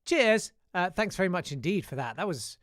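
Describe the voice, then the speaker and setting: A man's voice: high-pitched, very animated, moderate pace, fairly bright tone, dry recording, studio quality. A man hosting a live show in a casual, wry way, reading out listener messages with frequent hesitations. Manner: chatty, wry, many "uh" hesitations. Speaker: radio-style show host.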